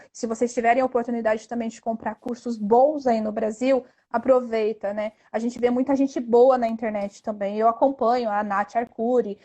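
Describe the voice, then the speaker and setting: This interview guest is a Brazilian woman who teaches investing and speaks with a Brazilian Portuguese accent. Her voice is on the high side and mellow. Her explanations are earnest and conversational, and she frequently closes a phrase with a tag question.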